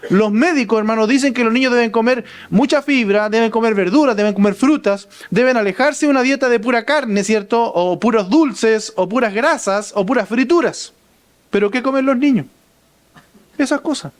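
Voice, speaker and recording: Man, Chilean Spanish accent, pastor preaching, high-pitched, keeps checking in with "right?". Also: moderate pace. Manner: addresses listeners as brother, asks "right?". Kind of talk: sermon.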